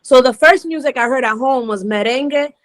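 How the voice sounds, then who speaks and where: A woman in her forties from Rhode Island, a DJ guest telling her story in a relaxed interview, laughing easily. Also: high voice, brisk. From Rhode Island, United States. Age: 40s. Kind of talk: casual interview chat.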